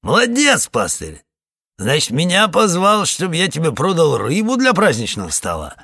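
A man's voice: a little high, huge pitch swings, moderate pace, creaky, bright, forceful tone, dry recording, voice pushed up, heavily acted. Guy voicing a shifty greedy ferryman, mutters and dodges, dry close sound. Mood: mocking. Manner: grumbling and evasive. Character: wary, greedy middle-aged ferryman, evasive liar.

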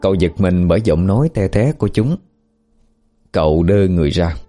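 A man narrating a horror story in a slow, grave storytelling manner. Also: low-pitched, animated, mellow. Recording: faint background music.

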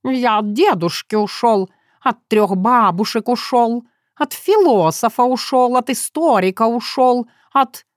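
Woman doing a melodramatic storybook tomcat, raised pitch, whiny and indignant, dry studio. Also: expressive, unhurried, no room sound. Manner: theatrical, indignant, whiny protests. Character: Terentiy, stubborn dramatic tomcat, male.

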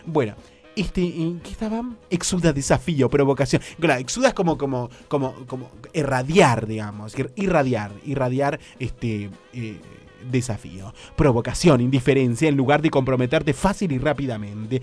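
A man's voice: mid-range voice, lively intonation, normal speed, a little mellow, faint music behind. A man with a Rioplatense accent hosting a comic dating-advice bit, camp and theatrical, swooping up into squeals. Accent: Rioplatense Spanish. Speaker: radio comedy host.

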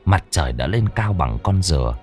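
Deep-voiced man telling a ghost story. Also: moderate pace, breathy edge, soft background music. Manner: dramatic, expressive storytelling.

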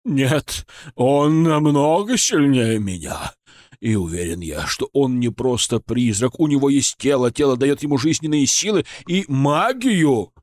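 A man voicing the frightened ghost of an old official in an audiobook, talking in a higher, slow, pleading way. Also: animated, a little mellow, dry recording, clean studio sound, lightly acted. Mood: secretive. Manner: pleading, drawn-out, fearful. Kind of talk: audiobook character voice.

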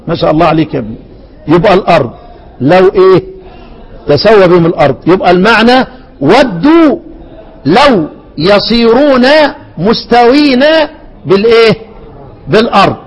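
A man's voice: sits high, poor audio. A man with an Egyptian accent teaching Quran recitation in a classroom lecture, quizzing students with rhetorical questions and drilling word forms again and again. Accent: Egyptian Arabic.

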